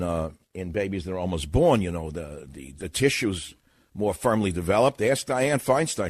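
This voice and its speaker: A man hosting a talk radio show, giving a sarcastic, indignant monologue that swings from muttering to loud outbursts in a studio. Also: low-pitched, no room sound. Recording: dry studio mic.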